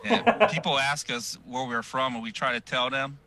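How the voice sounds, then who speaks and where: A man's voice: mid-range voice, normal speed, a crowd in the background. A man with a Chamorro accent, a guest answering interview questions conversationally over a video call. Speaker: guest, association acting president. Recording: slightly noisy video call.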